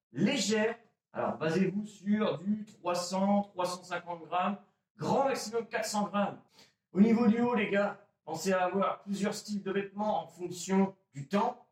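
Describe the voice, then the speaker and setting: Talking straight to viewers, a man with a high voice and darkish tone casually shows off his airsoft gear, chatty and self-mocking. The room gives a roomy echo, and the mic sits a bit far off.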